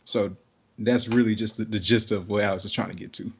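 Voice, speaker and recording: A young man co-hosting a podcast, talking in a relaxed, rambling way and laughing easily. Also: on the low side, fairly quick, a little hiss or hum. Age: young adult. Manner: laid-back, rambling, many fillers and restarts, laughs easily. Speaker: podcast co-host. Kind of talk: casual podcast chat.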